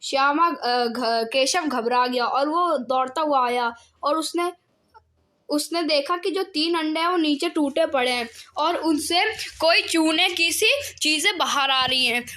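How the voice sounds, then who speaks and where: A woman's voice: high-pitched, unhurried, pushed and bright. A woman teacher explaining a school story lesson, retelling it hesitantly with frequent restarts.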